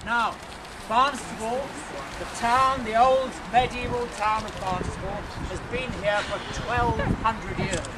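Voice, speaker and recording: A man's voice: very high-pitched, fairly even intonation, slow pace. A middle-aged man speaking as a town crier, projecting theatrically as he guides a walking history tour. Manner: town crier's loud, theatrical calling and clear projected address. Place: outdoors in a town, speaking to a group. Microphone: camera a few steps away. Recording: outdoor camera, heavy wind and street noise.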